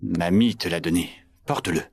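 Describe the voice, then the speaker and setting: Terse, protective young husband. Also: male voice, low-pitched, normal speed, creaky, darkish tone, husky, heavily acted. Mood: gentle, terse. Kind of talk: dubbed short-drama acting.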